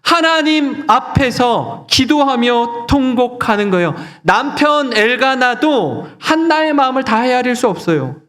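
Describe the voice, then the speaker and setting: A man's voice: very high-pitched, animated, measured pace, hardly any pauses, a bit bright. A male pastor preaching a sermon earnestly, putting rhetorical questions to his congregation.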